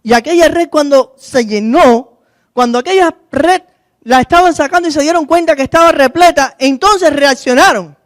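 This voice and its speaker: High-pitched guy preaching a sermon, asks the crowd questions, acts out bible characters, dry close sound. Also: moderate pace, no room sound. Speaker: pastor. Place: church.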